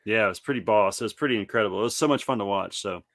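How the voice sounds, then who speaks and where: A man's voice: lowish voice, racing, a bit bright, no room sound. Podcast cohost guy, dry close sound, telling old stories in a loose easygoing way. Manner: reminiscing, loose and storytelling. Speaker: podcast co-host. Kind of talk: casual chat.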